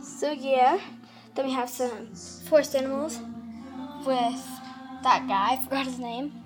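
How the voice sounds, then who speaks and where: A woman's voice: high voice, measured pace, music in the background, poor audio. A young woman chatting casually to viewers in a home holiday vlog, giggly and talkative, filming on a handheld camera. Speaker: vlogger. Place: family home at Christmas.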